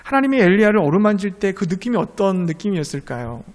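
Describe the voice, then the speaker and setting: Man, pastor, sermon, high-pitched, tender and earnest. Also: sing-song, fast, darkish tone.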